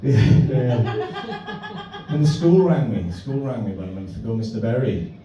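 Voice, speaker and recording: A man's voice: medium pitch, big pitch swings, measured pace, mellow. A man with a South Wales Valleys accent telling stand-up anecdotes in a matey, sweary, self-deprecating way. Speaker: stand-up comedian. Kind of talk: live stand-up comedy, anecdotal storytelling. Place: indoor live comedy venue. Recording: echoey venue, distant muffled mic, faint noise.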